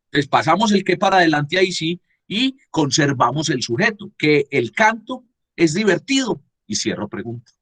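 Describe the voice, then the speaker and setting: A man's voice: fairly high pitch, very animated, normal speed, a bit bright, slightly rough. A man teaching a class over a video call, explaining grammar step by step and often checking "¿sí?" with his students. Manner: repeats and asks "¿sí?" to check understanding.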